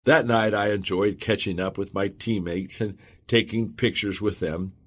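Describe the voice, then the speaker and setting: A man reading a motivational audiobook in the first person, earnest and measured. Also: on the low side, steady tone. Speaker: audiobook narrator. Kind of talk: scripted audiobook narration.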